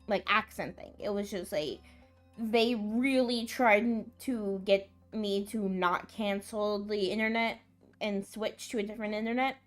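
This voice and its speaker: A woman streaming a game, chatting and telling a rambling story with lots of filler words. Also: mid-range voice. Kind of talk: casual gaming stream chat.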